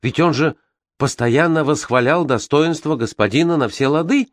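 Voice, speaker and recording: A man voices a bewildered young boy, raising his pitch above his own voice while keeping it natural. The delivery is fairly high at a moderate pace, with studio-quality sound and no room sound.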